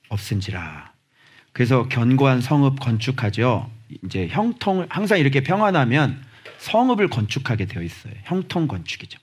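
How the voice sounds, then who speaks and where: A man preaching a sermon as pastor, animated and sometimes shouting at the congregation, acting out little dialogues. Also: mid-range voice, husky. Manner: acts out little dialogues in different voices. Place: church sanctuary.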